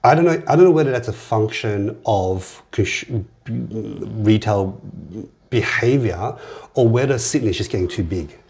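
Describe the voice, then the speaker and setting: A man hosts a relaxed interview podcast with a somewhat low voice. He talks in a loose, chatty way, stumbling over words and repeating them as he works out his thoughts. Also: measured pace, gravelly. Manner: repeats words and restarts often. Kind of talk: casual conversational interview.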